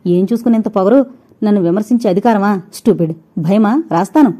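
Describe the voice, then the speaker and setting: A woman voicing an angry, domineering young husband who shouts and scolds. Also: medium pitch, steady tone, fast, natural voice. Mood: angry shouting.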